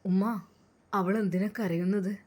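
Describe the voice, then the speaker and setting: A woman voicing an anxious young man who speaks quietly and hesitantly. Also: mid-range voice, level tone, measured pace, voice pushed down, close to an everyday voice. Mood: worried.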